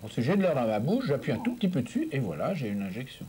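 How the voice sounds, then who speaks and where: Talking fast, with huge pitch swings in a dark, slightly rough mid-range voice, a speech therapist with a French accent guides a patient through voice exercises. He stays patient and encouraging, checks often that he's understood, and keeps saying "vous voyez."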